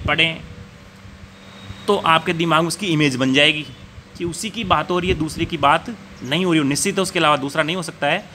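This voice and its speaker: A man's voice: on the high side, pushed and bright. Guy teaching english grammar, lots of repeating and quizzing the class, light hum behind. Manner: asks the class questions and answers them himself, repeating key points.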